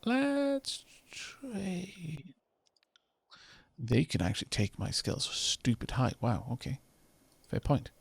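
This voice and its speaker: A man's voice: on the high side, huge pitch swings, slow pace, gravelly, husky, no echo. A man, streaming a game in casual commentary, reading game text aloud with wry muttered asides. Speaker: streamer playing a video game. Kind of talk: casual let's-play commentary.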